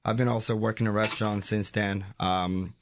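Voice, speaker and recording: A man from Morocco, a head mixologist answering interview questions in a halting way, with many fillers and easy laughs. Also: lowish voice, fairly even intonation, slight background noise. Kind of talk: casual radio interview.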